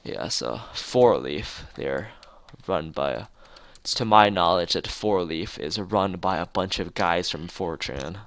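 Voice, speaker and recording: A man reads a visual novel on stream in a low, slightly bright voice, going slowly with few pauses and no room sound. He makes casual asides and often stumbles and corrects himself, while the game's music plays behind his voice.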